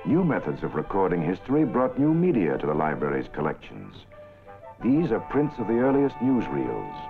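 Low-voiced old newsreel narrator, tinny. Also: male voice, huge pitch swings, creaky. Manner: formal, measured announcer delivery. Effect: old newsreel soundtrack sound. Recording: tinny lo-fi 1940s film soundtrack with music.

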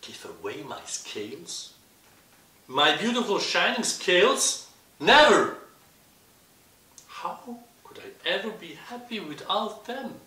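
A man's voice: high voice, sing-song, slow pace, pauses often, bright, forceful tone, pitched above the performer's own voice, exaggerated voice. A man reading as a vain, proud rainbow fish in a storybook, with dramatic emphasis. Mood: indignant. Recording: roomy, hissy, distant microphone.

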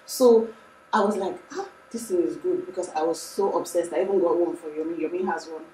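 A woman's voice: on the low side, brisk, echoey room, recorded from a distance, a little hiss or hum, poor audio. A young Nigerian woman talking casually and emphatically to camera in a room, as a lifestyle vlogger. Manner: chatty, animated, emphatic. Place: room indoors.

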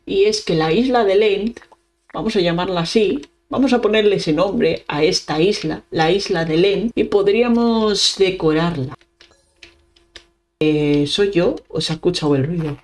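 A young woman from Spain with a Spanish accent, giving chatty, excitable let's-play commentary, talking to her viewers and humming along as she plays. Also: lowish voice, a little slow. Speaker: gaming YouTuber.

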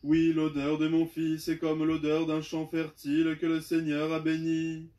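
A man reading the lines of an old blind father giving a solemn blessing, in a slow, flat liturgical reading. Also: fairly high pitch, close to an everyday voice.

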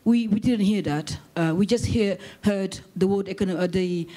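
A woman's voice: medium pitch, moderate pace, dark tone. Woman from Senegal asking a question. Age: young adult. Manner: earnest, repeating words. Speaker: audience questioner. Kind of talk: question from the floor.

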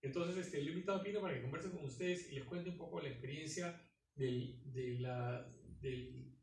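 A man's voice: a little high, slight background noise. A man in his fifties, born in Spain, introducing a guest to a class in a rambling, conversational way. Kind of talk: casual classroom talk. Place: university classroom. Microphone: far camera phone. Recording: echoey classroom from far off.

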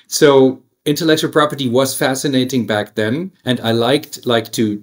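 Reflective German-accented man. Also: medium pitch. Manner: reflective, many restarts and fillers. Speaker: guest, attorney. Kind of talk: casual interview.

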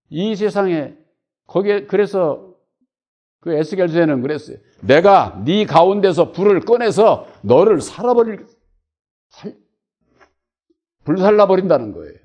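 A male pastor preaching a sermon, stressing points hard, then repeating them quietly, with frequent rhetorical questions. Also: fairly high pitch, lo-fi sound. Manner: emphatic repetition with rhetorical questions; swings between loud stress and quiet trailing repeats. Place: church.

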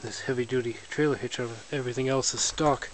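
A hobbyist films his own casual walkaround of his snowmobile inside a garage or shed with windows, holding the camera himself. His middling-pitched voice is relaxed, plainspoken and matter-of-fact at a quick pace, picked up close with clear noise running underneath.

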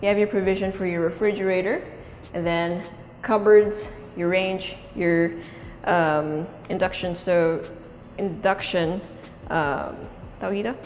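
Touring an empty house inside and out, a young Filipino-accented real estate host chats casually and code-switches mid-sentence. She speaks a little slowly in a steady, fairly low, darkish voice over soft background music.

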